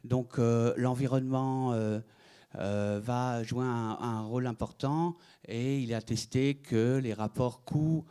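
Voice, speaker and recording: A man's voice: mid-range voice, fairly even intonation, takes it slowly, dark tone, clear, resonant tone. A middle-aged man from France giving a conference talk, hesitant, with many fillers and restarts. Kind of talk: conference presentation.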